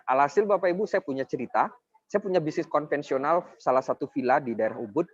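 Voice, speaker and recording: A man's voice: a little high, breathy edge, dry recording. A young man in his twenties giving a persuasive motivational sales presentation, often addressing his audience directly. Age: 20s. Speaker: network marketing presenter. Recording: dull lo-fi dry sound.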